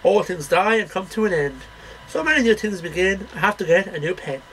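Declamatory and sing-song, a middle-aged man reads poems aloud line by line as an amateur, his high-pitched voice lively in intonation, a bit bright, and a little fast. The setting is a small cluttered bedroom. A webcam at roughly arm's length yields a rough recording with slight background noise.

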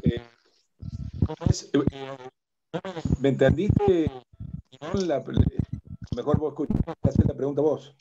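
A man on a video call, his glitching audio cutting in and out as he asks a halting question full of hesitations. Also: a little high. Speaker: participant asking questions on a call. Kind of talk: casual conversation. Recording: lo-fi call with loud noise and clicks.

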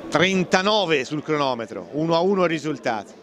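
Italian guy doing live football play-by-play, highish voice, bit of stadium noise. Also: lively intonation, fairly quick. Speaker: football match commentator. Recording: faint stadium crowd and outdoor noise. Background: football crowd and outdoor ambience.

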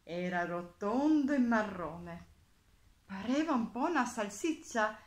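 A woman reading a children's picture book aloud, expressive and playful, with spoken sound effects. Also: medium pitch, slow pace. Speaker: children's storyteller. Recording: echoey room.

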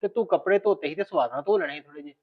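Soothing son; man, very quick delivery, muffled recording. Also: fairly high pitch. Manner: soothing, placating. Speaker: son in a family drama. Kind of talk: amateur family drama acting. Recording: dull lo-fi recording.

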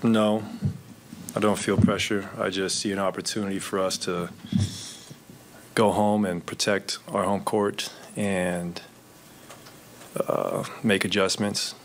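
A man in his thirties, a basketball player answering questions at a postgame press conference into a desk microphone, measured and low-key with frequent fillers. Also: little pitch movement, slight background noise. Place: arena press room.

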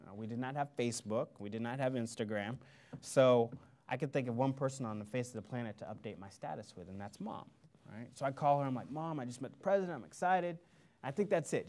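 A man from Missouri gives a motivational speech to a lecture audience. He tells his story with energy and acts out the quoted lines in lively voices. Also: mid-range voice. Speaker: guest speaker. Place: lecture hall before an audience.

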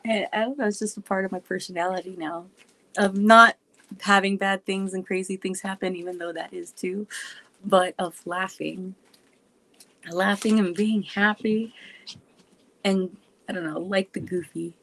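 A woman wrestler who vlogs answers fan questions in a casual chat, laughing often and talking in a goofy, filler-heavy way. Her medium-pitched voice is steady, unhurried and a bit bright, though the audio quality is poor.

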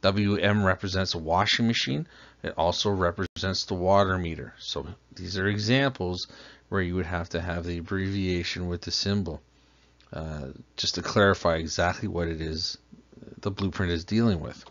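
A plumbing instructor narrates his slideshow lesson in a deep voice with a steady, fairly bright tone at normal speed. He takes the listener through patiently, step by step, asking questions as he goes, in a dull lo-fi voice-over.

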